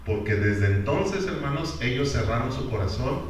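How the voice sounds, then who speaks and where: Echoing pastor preaching. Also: male voice, mid-range voice, animated, moderate pace, slight background noise. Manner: questions the congregation directly, emphatic. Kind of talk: sermon. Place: church hall. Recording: very echoey church hall from far off.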